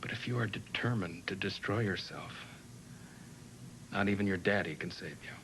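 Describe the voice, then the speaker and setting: A man's voice: deep voice, normal speed, slight background noise, poor audio. A grave, worried man. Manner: quiet, grave, protective. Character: worried older man warning a young woman. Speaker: soap opera character. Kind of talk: 1990s daytime soap acting.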